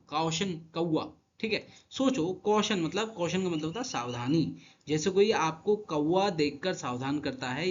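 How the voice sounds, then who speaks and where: A male teacher explains vocabulary in an online lesson, with a fairly high voice. He keeps asking his own questions and answering them, swinging up and down in pitch and loudness. The recording sounds muffled and lo-fi. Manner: animated, jumps in pitch and loudness. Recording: dull lo-fi sound.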